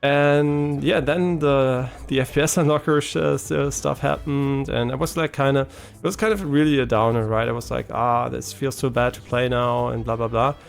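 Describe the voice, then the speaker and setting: Chatting loosely as he plays on stream, a German-native gaming streamer who is half French drifts between thoughts, restarts often, says "um" a lot and keeps adding "right?". His gravelly, fried voice sits at an ordinary male pitch, steady and at normal speed with few pauses, over faint soft game music.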